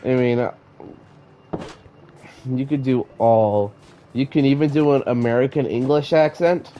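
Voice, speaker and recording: A man's voice: medium pitch, measured pace, muffled recording, slight background noise. A man who is sick, chatting casually to his live-stream chat while he plays, often stammering and repeating words. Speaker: live-streamer playing a block-building game.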